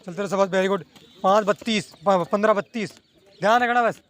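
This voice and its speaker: On an outdoor running ground, a coach briskly shouts lap times in a high voice. His repetitive, encouraging calls keep urging the runners on.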